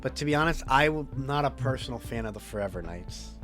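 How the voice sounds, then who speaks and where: A man chatting casually on a podcast, relaxed and agreeable, with a mid-pitched voice. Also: brisk, soft background music. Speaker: co-host.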